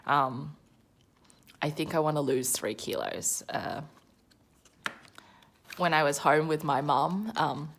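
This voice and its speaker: A woman's voice: sits low, slow pace, vocal fry, long pauses, a bit bright, slight background noise. An Australian woman in her thirties chatting casually in a budgeting vlog, counting cash aloud with self-deprecating humour. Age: 30s. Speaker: budgeting vlogger.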